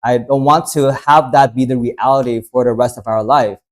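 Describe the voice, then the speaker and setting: A man's voice: medium pitch, steady tone, moderate pace. Chatty American man hosting a workshop. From United States. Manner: conversational, loose, many fillers. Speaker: workshop host. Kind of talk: casual workshop talk.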